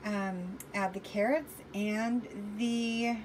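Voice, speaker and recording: A woman's voice: mid-range voice, fairly even intonation, very slow, a little hiss or hum, rough recording. A woman chatting to her viewers while cooking in her home kitchen, narrating each step and apologizing for slips. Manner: chatty, self-correcting, talks to viewers while working. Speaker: cooking vlogger. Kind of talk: casual cook-along chat. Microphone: camera on counter, speaker off to the side.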